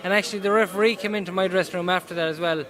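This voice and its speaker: A male boxer with a Mayo, west of Ireland accent speaks in a high voice. He talks casually and earnestly, circling back over phrases. There is clear busy gym noise behind him. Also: steady tone, rapid-fire, crowd noise. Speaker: professional boxer being interviewed. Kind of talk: casual interview answers. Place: indoors in a boxing gym.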